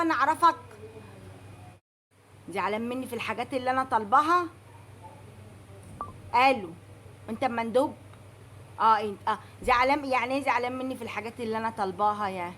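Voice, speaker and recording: An Egyptian woman with a high, bright-pitched voice talks quickly into a phone, in a one-sided call. She fires off questions in an indignant, exasperated way, pressing the other person again and again. The mood stays heated and incredulous throughout. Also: slight background noise. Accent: Egyptian Arabic. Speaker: mother, vlogger.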